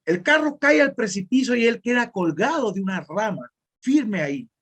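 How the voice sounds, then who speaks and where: A man's voice: high-pitched, sing-song, moderate pace, fairly bright tone, husky. A man preaching a sermon as pastor in northern Mexican Spanish, talking directly and conversationally to the congregation.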